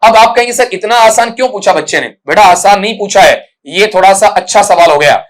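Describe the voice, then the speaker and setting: A man's voice: high voice, a little fast. Patient male teacher explaining at length. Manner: patient, repetitive, addresses students as "beta" and "bachcha". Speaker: English teacher. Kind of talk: exam-prep lesson in Hindi, answering student questions.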